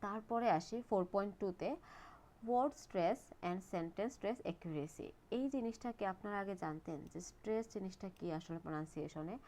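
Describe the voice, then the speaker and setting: A young woman with a Bangladeshi accent teaches a video lesson. She explains each point clearly at a mid pitch and lets her voice rise and fall freely. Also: unhurried, a little mellow. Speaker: IELTS teacher.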